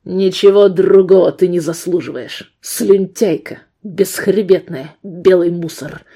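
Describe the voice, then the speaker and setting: A woman's voice: on the low side, unhurried, dark tone, breathy edge. A woman voicing a menacing thug of a gunman. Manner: coarse, menacing, barking threats. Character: brutal threatening male ex-convict gunman.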